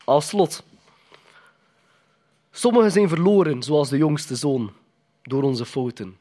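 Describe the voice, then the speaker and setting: A man's voice: on the high side, lively intonation, takes it slowly, dark tone. A man preaching a sermon in a conversational, emphatic way, often putting questions to the congregation.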